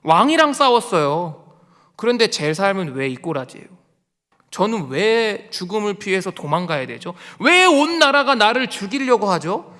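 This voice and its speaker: A man's voice: high voice, sing-song, moderate pace, bright, forceful tone, big-room sound, voice pushed up, full character voice. A man voicing an exasperated male prophet who pours out indignant, pleading complaints to God.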